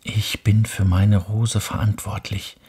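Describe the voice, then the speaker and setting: A man voicing a small, gentle, wondering boy prince in a hushed, breathy bedtime reading. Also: fairly low pitch, level tone, takes it slowly, full character voice. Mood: earnest.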